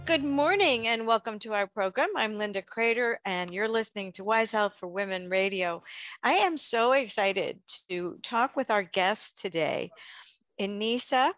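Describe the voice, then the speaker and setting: A woman's voice: mid-range voice, lively intonation, moderate pace, a bit bright, dry recording. A woman hosting a health radio show, leading a chatty interview.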